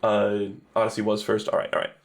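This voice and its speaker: A man's voice: on the low side, monotone, fairly quick. A man giving casual, rambling game reviews on a stream, swearing freely and correcting himself as he goes.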